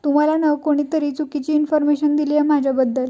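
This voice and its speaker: A nervous, pleading young son-in-law caught in a lie, read out by a woman. The voice is high and flat with a mellow, dark tone. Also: fast, highs cut off, close to an everyday voice.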